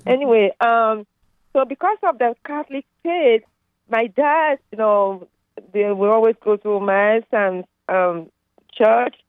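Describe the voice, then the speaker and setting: A middle-aged Nigerian woman with a Nigerian accent calls in to a radio show and rambles casually, using many fillers. Her voice is a little high and a bit slow. The audio comes over a tinny, dry phone line with no echo.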